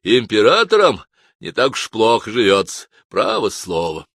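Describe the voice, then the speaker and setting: A man reading an audiobook voices a gruff, cheerful palace soldier who talks loudly and roughly. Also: fairly low pitch, huge pitch swings, normal speed, no room sound, clean studio sound, exaggerated voice. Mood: cajoling. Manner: loud, rough and jovial. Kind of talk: audiobook character voice.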